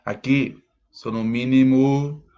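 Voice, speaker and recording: A man's voice: mid-range voice, steady tone, takes it slowly, dark tone, clear, resonant tone. A man teaching, talking students through school exercises step by step and checking in with "tá?" after nearly every phrase. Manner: checks in constantly with "tá?".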